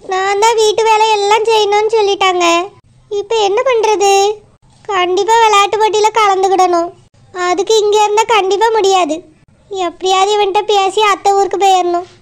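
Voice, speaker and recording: A woman voicing a scheming young village daughter-in-law in a cartoon, with a Tirunelveli Tamil accent. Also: very high-pitched. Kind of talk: cartoon voice acting.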